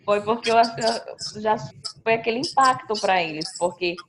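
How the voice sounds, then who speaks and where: Speaking at a moderate pace in a mid-range voice, a Brazilian Portuguese-accented teacher animatedly recounts classroom moments over a video call, voicing her pupils' quoted lines. The dull lo-fi call audio carries a little hiss or hum.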